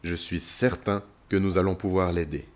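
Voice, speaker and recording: A man narrating a guided imaginative story for children, speaking gently and reassuringly to the listener. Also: deep voice, steady tone, moderate pace.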